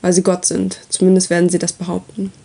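A woman's voice: lowish voice, completely flat delivery, quick pace, creaky, warm tone, husky. Nervous trapped man, as a woman voices him. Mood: agitated.

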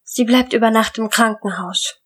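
Woman doing a worried mother, storybook horror, quiet and low, shrill shrieks. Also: normal speed, breathy edge. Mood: anxious. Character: worried middle-aged mother.

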